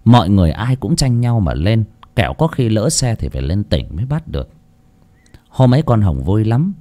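A man narrating a story aloud with an expressive reading style. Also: on the low side, normal speed. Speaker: audiobook narrator. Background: faint background music.

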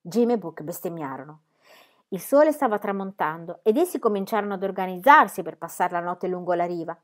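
A woman reading a children's book aloud in a measured, expressive storybook narration. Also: on the low side.

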